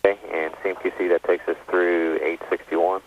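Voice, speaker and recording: Tinny radio loop: low, flat-voiced man. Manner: brisk procedural checklist talk. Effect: narrowband radio comm loop. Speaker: launch test conductor. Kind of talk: clipped countdown radio call-outs.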